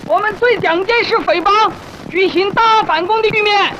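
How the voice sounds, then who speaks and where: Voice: very high-pitched, normal speed, pushed and bright. An actor in an old film playing a resolute revolutionary army commander, giving a solemn, rousing, declamatory speech. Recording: dull old film soundtrack, faint noise.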